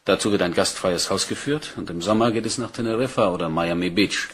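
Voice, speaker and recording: In a German crime radio play, a man portrays a dutiful, matter-of-fact Scotland Yard detective inspector, delivering a report in a polite, orderly way. His voice sits low and sounds husky, and he speaks briskly.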